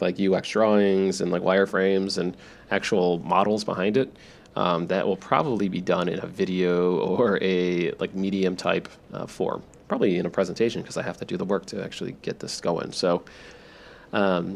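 A man hosting a podcast for sleep listeners, thinking out loud in a low-key, self-deprecating monologue with a drowsy, gravelly voice. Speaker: podcast host. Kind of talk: rambling, relaxed stream-of-consciousness monologue for sleep listeners.

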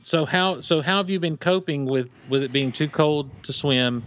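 A man's voice: on the high side, moderate pace, a bit bright, a little hiss or hum. A man hosting a casual podcast interview, asking teasing, playful questions. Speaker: podcast host.

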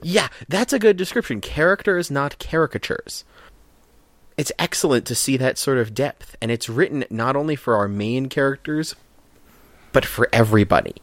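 A man's voice: medium pitch, animated, normal speed, no echo. A man co-hosting a podcast, chatting casually and enthusiastically, analytical and prone to restarts. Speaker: podcast co-host. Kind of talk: casual chat reviewing a cartoon.

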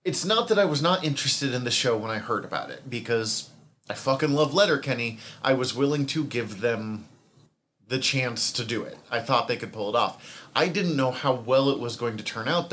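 A man's voice: medium pitch, lively intonation, a little fast, fairly bright tone. Guy rambling on a podcast, swears a lot, bit of hiss behind him. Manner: loose, swears freely, rambling. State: hiccups from eating. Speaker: podcast co-host. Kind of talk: casual chat.

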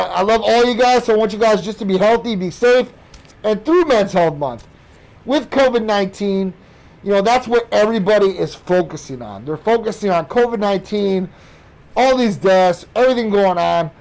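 American guy podcast host, high voice, muffled by a mask, pumped up emphatic talk straight to the listeners. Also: darkish tone. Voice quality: muffled, speaking through a face mask. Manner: emphatic, repetitive, addresses listeners as guys. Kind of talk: energetic talk to camera.

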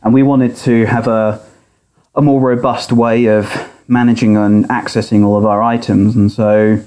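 A man explaining technical work as a podcast guest, recorded through a laptop speaker rather than a proper microphone, in a measured conversational way. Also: on the low side, little pitch movement, dark tone. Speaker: podcast guest, software architect. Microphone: laptop's built-in audio, not a microphone. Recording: picked up by laptop speaker, poor audio.

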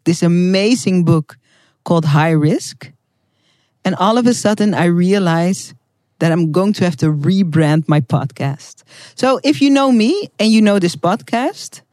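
With a fairly low, slightly mellow voice, an earnest Dutch-speaking woman gives a scripted podcast intro before easing into casual chat as host and guest. Her manner is heartfelt and emphatic, and the recording is dry.

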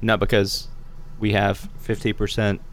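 A man's voice: lowish voice, completely flat delivery, measured pace, a little hiss or hum. A man co-hosting a podcast, asking questions about politics in a casual, wry way. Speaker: podcast co-host.

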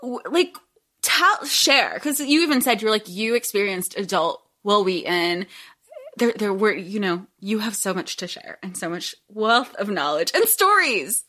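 A woman co-hosting a chatty podcast, her voice bright and forward as she jumps in with quick, excited asides. She is recording away from home, and the room around her gives every word a noticeable echo. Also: medium pitch. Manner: enthusiastic, laughs often, quick asides. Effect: echoey room sound. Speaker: podcast co-host. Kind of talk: casual chat. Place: temporary room while traveling, sounds echoey.

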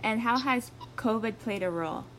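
A woman's voice: a little high, moderate pace, a little hiss or hum. A woman hosting a podcast, asking polite questions and thanking her guest. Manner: polite, encouraging, many soft affirmations. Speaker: podcast host. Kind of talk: interview hosting.

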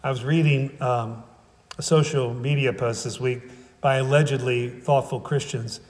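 Conversational preacher in a reverberant hall. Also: male voice, medium pitch, steady tone, a little slow, a little mellow. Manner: conversational, often adds "right?" and "okay?"; wry humor. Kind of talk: sermon.

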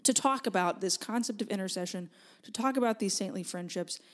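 A woman's voice: medium pitch, fairly quick. Woman podcast host, conversational. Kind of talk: podcast introduction and interview.

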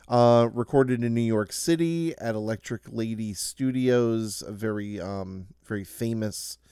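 Low, mellow-voiced man chatting casually. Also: measured pace, clean tone, no room sound, studio quality. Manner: relaxed, reads facts with fillers and asides. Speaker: podcast co-host. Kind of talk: casual chat.

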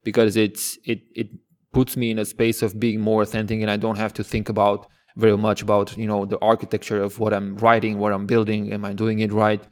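Low, flat-voiced podcast host man. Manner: halting, many fillers, earnest. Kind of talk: casual interview talk.

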